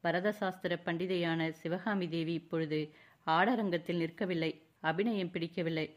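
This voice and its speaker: A woman's voice: on the low side, fairly even intonation, moderate pace, natural voice. A woman narrator voicing a young royal prince who speaks in a mocking, courtly way. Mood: teasing, courtly. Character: young royal prince, teasing then tender.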